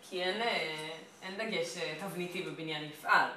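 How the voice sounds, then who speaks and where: A woman's voice: fairly low pitch, background noise. A woman teacher giving a classroom grammar lesson, explaining patiently step by step. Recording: echoey classroom from far off.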